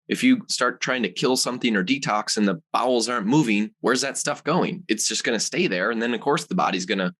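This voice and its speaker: A man's voice: mid-range voice, a little fast, hardly any pauses. A man, a guest on an interview podcast, telling personal stories in a casual, rambling way with lots of fillers. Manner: animated, rambling with many fillers. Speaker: guest, supplement company founder.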